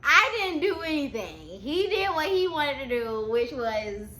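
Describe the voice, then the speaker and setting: Speaking at a measured pace in a high-pitched voice, this young adult storytime vlogger chats to camera while recounting a story. Her delivery is slangy and informal, drifting off-track in a stoner-like manner with animated asides. Faint background noise sits behind her in an echoey room.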